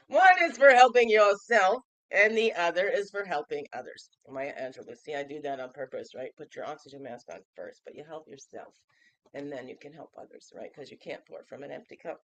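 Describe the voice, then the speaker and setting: A woman in her fifties hosts a daily reflection vlog, her fairly low voice nasal and stuffy from a cold. She chats playfully and casually, posing questions to the listener, and the recording has no room sound.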